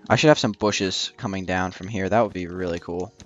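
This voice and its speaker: With faint music playing and the audio sounding dull, a young gaming channel host talks in a deep, brisk voice while building in a video game. His casual commentary rambles, jokes around and is packed with fillers.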